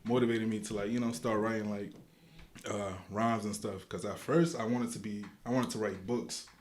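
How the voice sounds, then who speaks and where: Slight background noise surrounds a young guest rapper from Guatemala, whose low-leaning voice holds a steady tone at a moderate pace. He talks casually in the interview, loose and slangy, often restarting and using fillers.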